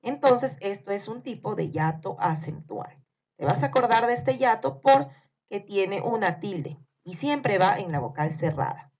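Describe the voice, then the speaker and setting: A woman teaching a grammar lesson, speaking slowly and deliberately and spelling out syllables one by one. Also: medium pitch, expressive, darkish tone. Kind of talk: scripted grammar lesson narration. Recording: dull lo-fi recording.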